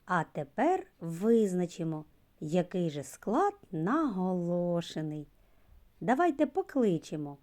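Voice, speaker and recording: A woman teaching young children to read, her voice low and mellow. She speaks very slowly, swooping up and down as she stretches out each sound and key word for the little ones. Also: big pitch swings. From Ukraine. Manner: sing-song, stretches sounds and key words. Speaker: preschool teacher. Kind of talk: slow literacy lesson for young children.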